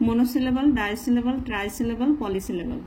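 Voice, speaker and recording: A woman teaching a children's lesson, slowly spelling out words letter by letter and explaining grammar in a patient way. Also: a little high, warm tone, a little hiss or hum, poor audio. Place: at home, writing in a notebook.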